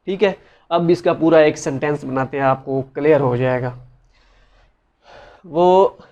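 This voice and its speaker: A man's voice: a little high, darkish tone. A man giving a casual spoken lesson, patiently explaining and repeating each word many times, with many fillers. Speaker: language teacher. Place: side room with noise around.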